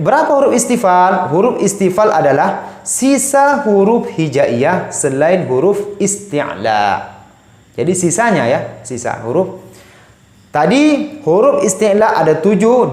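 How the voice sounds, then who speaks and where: A man's voice: high-pitched, sing-song, slow pace, darkish tone. A man gives a recorded recitation lesson, speaking unhurriedly and patiently as he repeats each sound several times. The room gives his voice a noticeable echo. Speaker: Quran recitation teacher. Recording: echoey room.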